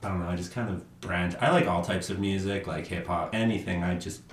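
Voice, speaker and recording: A man's voice: sits low, steady tone, brisk. A man in his twenties hosting a podcast, chatting casually, rambling and laughing often. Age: 20s. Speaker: podcast host. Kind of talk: casual interview chat. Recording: echoey room with faint noise.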